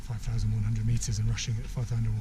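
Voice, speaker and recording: A man's voice: lowish voice, level tone, quick pace. A man narrating his mountain trek in a casual, upbeat vlog, thinking aloud as he walks. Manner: chatty, upbeat, thinks aloud while hiking. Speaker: trekker filming his trek. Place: outdoors on a high mountain trail. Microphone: handheld camera. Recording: outdoor camera mic with clear wind and ambient noise. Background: mountain ambience, helicopters.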